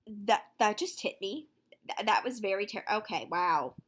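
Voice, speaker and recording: A nineteen-year-old woman talking casually to her viewers in a vlog, chatty and full of fillers, quick to exclaim. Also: medium pitch, husky. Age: young adult, nineteen. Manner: excitable, quick to gasp and exclaim. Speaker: vlogger.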